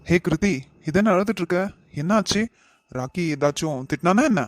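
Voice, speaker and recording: A man voicing a caring, lecturing uncle in an animated family drama, with a Kanyakumari Tamil accent. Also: sits high, moderate pace, dry recording. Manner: lecturing, earnest. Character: caring uncle figure, earnest and protective.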